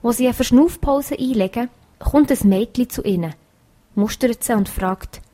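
A woman narrating a children's Christmas story in a measured storytelling way. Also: a little high, warm tone.

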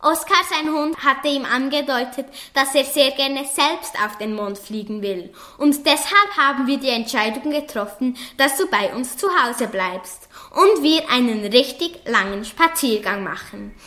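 A woman voicing a cheerful, excitable middle-aged man who owns a dog, beaming and overexcited, in a children's story. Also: high voice, a little slow, few pauses, heavily acted. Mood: gentle.

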